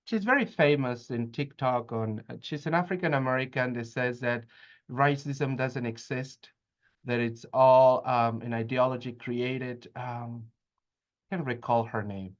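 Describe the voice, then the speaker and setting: Male academic, earnest lecturing delivery with pauses, mid pitch, dull lo-fi audio. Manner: earnest, lecturing with frequent hesitations. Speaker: psychologist discussing counseling practice. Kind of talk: academic discussion.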